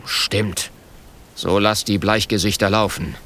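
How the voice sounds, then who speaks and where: A man doing a stern gruff old chief. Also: on the low side, fairly even intonation, slow, bright, forceful tone, full character voice. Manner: clipped broken sentences, stern.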